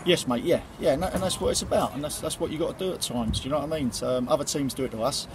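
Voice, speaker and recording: A man's voice: on the high side, rapid-fire. A middle-aged man, a football manager giving a plain-spoken post-match interview outdoors at night, with many ums and repeated words. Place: outdoors by a stadium building at night. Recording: loud outdoor background noise.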